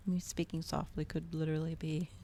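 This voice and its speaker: A woman hosts a live reading on a casual, soft-spoken ASMR livestream, chatting hesitantly to viewers in a soft, gentle, lowish voice with creaky edges that often slips into a whisper. Her tone is level and her pace brisk. She uses a regular rather than ASMR-specific mic, and a crackling fireplace is clearly audible behind her.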